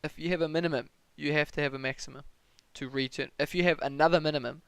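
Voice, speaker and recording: A young man with a New Zealand accent talks through a maths exam paper on a live stream, relaxed and chatty as he works each step out aloud. His voice has a gravelly edge, yet it comes through smooth and clear. The sound is dry, with no room echo. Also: fairly high pitch, fast. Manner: casual, thinks aloud, answers chat questions. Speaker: maths tutor.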